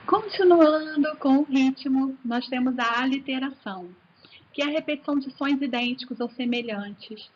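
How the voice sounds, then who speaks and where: Chatty Brazilian woman teacher, fairly high. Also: normal speed. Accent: Brazilian Portuguese. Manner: chatty and enthusiastic, addresses students as "gente". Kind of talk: recorded video lesson. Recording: dull sound with faint hiss.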